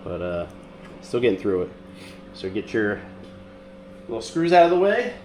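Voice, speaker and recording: Man, nasal and stuffed-up, relaxed how-to talk, middle pitch, faint background hum. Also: normal speed. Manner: relaxed, step-by-step, with frequent ums and uhs. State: sick, congested. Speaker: mechanic demonstrating a repair. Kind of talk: casual how-to demonstration.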